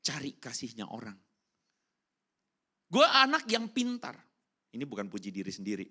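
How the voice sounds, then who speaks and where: A man preaching a casual youth sermon in speech, slangy and animated, keeping up a run of rhetorical questions to the congregation. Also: mid-range voice, normal speed. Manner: animated, keeps asking the crowd rhetorical questions; slangy and informal, breaks into English phrases. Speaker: youth pastor. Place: church hall during a service.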